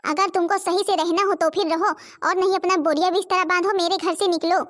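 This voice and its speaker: A woman voicing a sharp-tongued, scolding village mother-in-law in a cartoon, nagging and accusing. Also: extremely high pitch, normal speed. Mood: angry. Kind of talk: cartoon voice acting.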